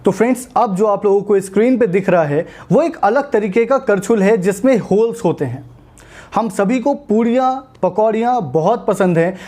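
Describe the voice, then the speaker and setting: Woman, Indian accent, English teacher, mellow tone, patient explaining, slow spelled-out words. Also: medium pitch. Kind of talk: spoken English lesson in Hindi.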